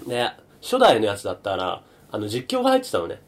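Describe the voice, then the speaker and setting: A man's voice: fairly low pitch, wildly swooping pitch, quick pace. A man hosting a podcast in casual chat, laughing as he tells a story and imitating an announcer. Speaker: podcast host.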